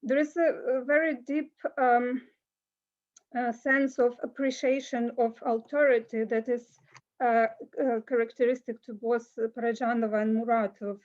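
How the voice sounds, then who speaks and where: A woman giving an academic conference talk over a video call, pausing often with filler sounds. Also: on the high side, steady tone, a little mellow, lo-fi sound. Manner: hesitant, many filler sounds. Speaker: conference speaker.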